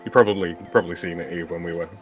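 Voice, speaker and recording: A man's voice: low-pitched, steady tone, a loud crowd. A man casually chatting and telling stories with friends while streaming an online game, laughing often. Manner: laughs often, drawn-out storytelling. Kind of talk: casual gaming chat.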